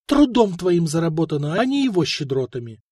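A man putting on a shrill greedy young wife. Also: expressive, normal speed, darkish tone, breathy edge, no echo, studio quality. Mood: grumbling. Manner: shrill, spiteful, gossiping. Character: plump greedy quarrelsome miller's daughter, young wife.

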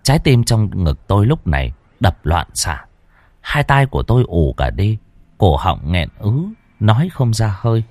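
A man's voice: on the low side, big pitch swings, measured pace, darkish tone, no room sound. A man narrating a first-person horror story dramatically, acting out the characters' frightened lines. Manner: dramatic, acts out panicked cries and dialogue.

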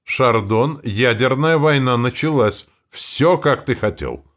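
A man voicing a rough, squint-eyed henchman who urges his leader along in an audiobook. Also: mid-range voice, slow, a bit bright, pitched above the performer's own voice. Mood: urgent.

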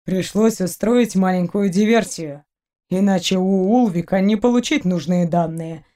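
A cool, teasing alien man, played by a woman reader, his voice low and warm. He speaks calmly and needles the listener with an easy confidence. It is a storybook reading. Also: moderate pace, natural voice. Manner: calm, teasing.

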